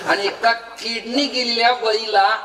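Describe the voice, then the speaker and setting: A man's voice: very high-pitched, level tone, measured pace, pushed and bright, a little hiss or hum. A male kirtan preacher giving a devotional sermon full of stories and humor, calling out to his listeners. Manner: exhorting, humorous, calls out to the audience. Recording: echoey hall, distant mic, faint ambience.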